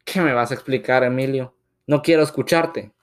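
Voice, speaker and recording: A heartbroken older wife and mother, sobbing and then lashing out in fury, as a male storyteller puts her on. Her voice sits at a middling pitch, torn by grief. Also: moderate pace, darkish tone, close to an everyday voice. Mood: furious. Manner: weeping, distraught and furious.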